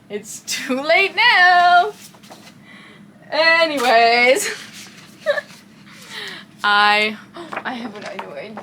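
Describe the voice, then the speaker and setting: A woman's voice: fairly high pitch, bright, forceful tone, slight background noise, rough recording. A young woman from Texas with a light Texan accent, rambling in casual chat in her bedroom and often losing her train of thought. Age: young adult. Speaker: vlogger.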